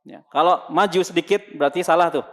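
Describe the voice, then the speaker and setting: A man's voice: on the high side, quick pace. A man teaching a congregation how Arabic letters are pronounced, asking questions and answering them himself, then sounding the letters out. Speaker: Quran recitation teacher. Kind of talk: lesson to a congregation.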